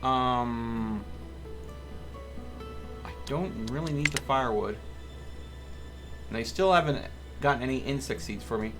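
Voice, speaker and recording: This streamer's medium-pitched voice moves at a measured pace and pauses often as he plays. Music runs underneath while he chats with viewers and mutters to himself.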